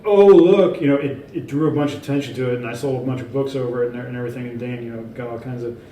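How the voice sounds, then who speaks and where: A man being interviewed about his own work, talking in a loose, rambling way full of fillers and restarts but sure of himself and emphatic. His voice is mid-pitched and mellow. He sits a little back from the mic in an echoey indoor room, with a faint hum of ambience behind him. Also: little pitch movement, racing, recorded from a distance. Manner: emphatic, self-assured. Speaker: author and researcher, interview guest. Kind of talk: casual in-person interview.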